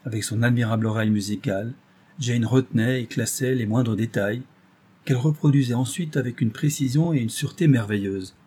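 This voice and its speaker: A man reading a story aloud in measured scripted narration. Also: mid-range voice, warm tone, husky.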